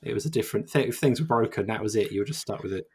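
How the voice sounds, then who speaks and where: Rapid-fire and low-voiced, this video game podcast co-host rambles through casual conversation, starting over again and again.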